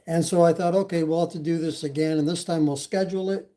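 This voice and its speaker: A fast-talking Canadian host with a slight accent hosts a laid-back e-bike live stream, his voice warm, steady and on the high side. He talks to viewers in a rambling way, reading the chat and using lots of fillers.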